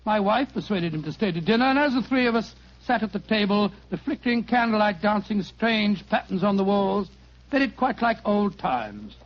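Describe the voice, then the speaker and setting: This 1940s radio drama, preserved on a dull recording, features Doctor Watson as a genial, fussy older English gentleman with a strikingly high, avuncular voice. Recalling the past with fondness, he tells his story expressively at a normal speed, fussily doubling back on phrases amid small hesitations.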